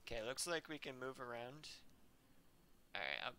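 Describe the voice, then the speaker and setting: A man hosting a casual let's-play gaming video, excitable and full of exclamations. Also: mid-range voice, normal speed, slight background noise. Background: faint game music.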